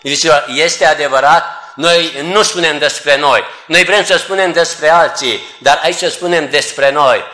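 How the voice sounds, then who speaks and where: A man's voice: fairly high pitch, hardly any pauses, pushed and bright. A man preaching a church sermon, earnestly addressing the congregation as beloved. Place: church assembly hall. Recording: echoey hall.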